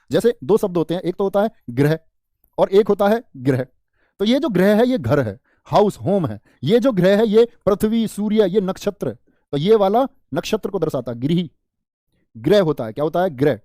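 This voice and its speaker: Male teacher, playful and colloquial, slightly higher voice, dark tone, dry sound. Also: dry recording. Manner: colloquial, playful, addresses viewers as "mera lal" and "bhaiya". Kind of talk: live online Hindi spelling class.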